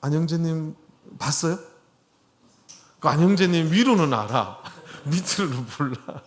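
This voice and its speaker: A man's voice: fairly high pitch, lively intonation, measured pace. A middle-aged man preaching a sermon in a church, chatting with his congregation and putting questions to them. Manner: conversational, asks the congregation questions. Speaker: pastor. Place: church hall.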